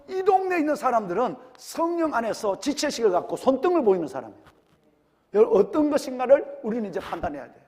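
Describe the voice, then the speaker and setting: In a large hall, a male senior pastor from Korea's Gyeongsang region preaches a sermon in an extremely high-pitched voice with a Gyeongsang accent. He fires rhetorical questions at his congregation in the church sanctuary.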